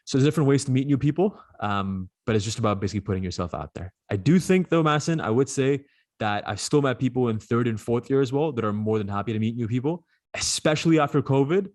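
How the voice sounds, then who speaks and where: A young man in his twenties from Dubai, a podcast guest talking casually and quickly with plenty of fillers. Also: medium pitch, animated, darkish tone, dry recording, studio quality. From Dubai, UAE. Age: 20s. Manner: rapid, chatty, frequent fillers. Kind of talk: casual interview conversation.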